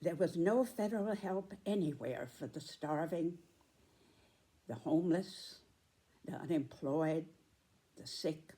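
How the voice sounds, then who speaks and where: A woman in her nineties giving a reflective spoken commentary, with deliberate, emphatic phrasing and pauses. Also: deep voice, warm tone. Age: 90s.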